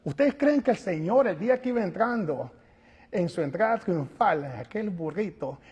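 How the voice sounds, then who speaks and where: A male pastor preaching a sermon, animated, moving between quiet asides and loud calls, and acting out little scenes. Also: high-pitched, normal speed, husky, in a large hall. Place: church sanctuary.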